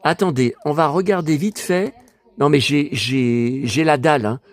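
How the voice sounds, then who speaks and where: A man casually vlogging about collector books, excitable and rambling, talking straight to his viewers. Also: a little high, a little slow.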